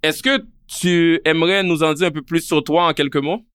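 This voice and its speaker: A man in his thirties with a Creole-tinged French accent, hosting a podcast interview in an earnest way, often pausing on "euh". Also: a little high, fairly even intonation, a bit bright, smooth, no echo, clean studio sound. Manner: earnest, with frequent "euh" fillers. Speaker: podcast host.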